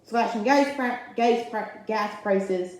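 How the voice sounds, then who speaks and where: A woman's voice: on the high side, slow. A woman hosting her own channel, giving an opinionated political commentary rant that rambles and often restarts. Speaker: channel host. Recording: very echoey room.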